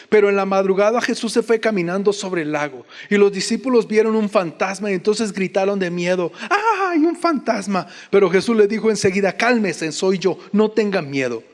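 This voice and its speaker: A man preaching a sermon as pastor, telling a Bible story with dramatic pauses and acting out its lines. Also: high voice. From Colombia. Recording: long hall reverb.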